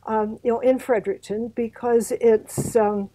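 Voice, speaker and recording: A woman's voice: a little high, steady tone, measured pace, dark tone, slight background noise, low-quality recording. An older woman from Canada, a guest in an interview, talking casually with lots of fillers and restarts. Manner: hesitant, many fillers and restarts. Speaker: guest, arts health board secretary.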